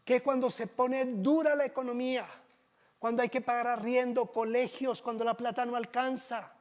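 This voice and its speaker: A pastor delivers a sermon in a conversational, storytelling way. He often asks rhetorical questions. His voice sits very high for a man. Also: little pitch movement, moderate pace.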